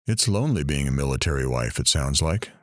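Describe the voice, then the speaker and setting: In an audio drama, a man plays a sympathetic show host conducting an interview, asking attentive questions and gently prompting the story along. His low voice is dry, animated, and fairly quick, with no room sound around it.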